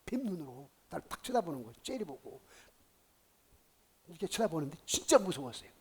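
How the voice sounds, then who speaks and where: A male pastor preaching a sermon, telling a story with dramatic swings from hushed tones to loud outbursts. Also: on the high side, big pitch swings, brisk, breathy edge.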